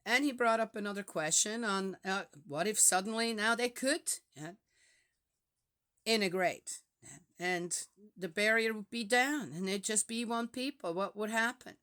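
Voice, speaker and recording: A woman's voice: medium pitch, unhurried, pushed and bright. A woman from Switzerland with a Swiss German accent, talking in a reflective, casual way with many fillers and restarts.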